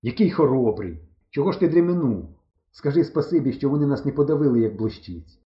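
A man reading an audiobook voices a stubborn, bossy village boy who bickers and shouts, on a roomy, dull recording. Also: mid-range voice, expressive, fairly quick, natural voice. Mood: bickering.

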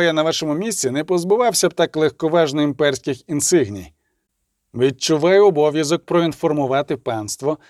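A man voicing a stern imperial official who speaks in a measured, commanding way, in an audiobook. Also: on the high side, a little mellow, dry recording, studio quality, close to an everyday voice. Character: stern imperial male official, calm and unyielding.

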